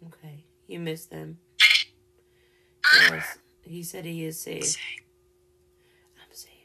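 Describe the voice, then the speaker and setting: A woman hosting a paranormal live stream in casual chat, gentle and openly emotional as she speaks to spirits directly. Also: deep voice, little pitch movement, takes it slowly, vocal fry, very noisy.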